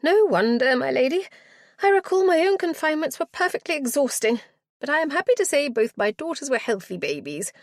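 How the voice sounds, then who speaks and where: A woman reads a novel aloud in a high-pitched, very animated voice, a little fast and raised above her natural pitch, with a dry, clean studio sound. Her character is a bustling, flustered older widow from a village, gushing and fluttery, full of old-fashioned politeness.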